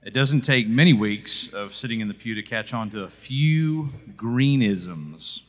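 A man's voice: medium pitch, expressive, a little slow. A man emceeing a church banquet, introducing a video and drawing the audience in with questions. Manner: friendly, engaging the audience with questions. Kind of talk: introducing a segment.

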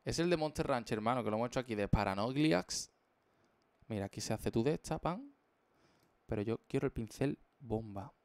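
Gravelly streamer, dry mic. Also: male voice, medium pitch, expressive, a little fast, no room sound. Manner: playful, slangy, jokey rambling. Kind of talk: casual live-stream chat while drawing.

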